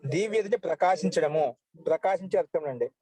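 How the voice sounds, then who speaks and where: A man teaching Sanskrit grammar, slowly reciting verb forms one by one. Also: on the high side, animated, dark tone, breathy edge, dry recording, rough recording. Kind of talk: online class lesson.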